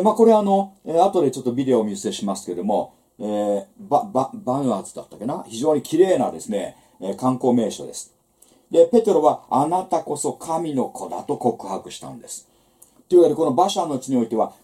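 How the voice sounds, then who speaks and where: A man's voice: mid-range voice, warm tone. A man giving a church seminar lecture on the Bible, teaching in a conversational way with rhetorical asides.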